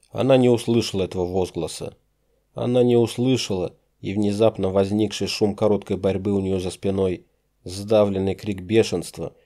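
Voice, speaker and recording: Low dark-toned guy reading an audiobook, measured, dramatic. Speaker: audiobook narrator. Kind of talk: scripted narration.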